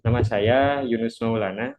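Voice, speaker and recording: A man's voice: medium pitch, sing-song, moderate pace, creaky, a little mellow. A man of twenty presents an introductory online lesson through a face mask, politely and hesitantly, sounding a little unwell. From Cianjur, West Java, Indonesia. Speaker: webinar presenter. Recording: dull, muffled lo-fi webinar audio.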